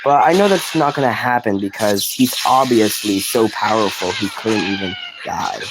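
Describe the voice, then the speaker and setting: A man's voice: fairly low pitch, moderate pace. Rambling man over a noisy recording. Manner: rambling, restarts sentences, laughs at own jokes. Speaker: gaming commentator. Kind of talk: casual commentary while playing.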